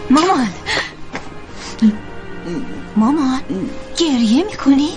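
A woman's voice: sits high, animated, music in the background. A woman voicing a caring adult daughter in a dubbed TV drama, soothing and pleading.

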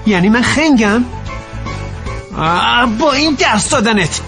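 A man voicing an earnest teenage boy student in a dubbed drama who quickly takes offense. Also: extremely high pitch, lively intonation, creaky, music in the background, heavily acted. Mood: indignant.

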